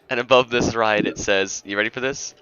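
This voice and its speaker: Male game master, teasing narrator, low voice with a bright, forceful edge; muffled lo-fi audio, faint music. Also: clean tone, no echo. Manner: laughing, teasing, self-interrupting.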